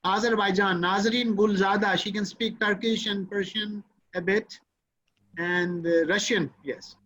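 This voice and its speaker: A man's voice: high voice, steady tone, measured pace, a bit bright. A man politely introducing students on a video call, calling the host sir. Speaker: course organizer introducing students. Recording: muffled video call audio.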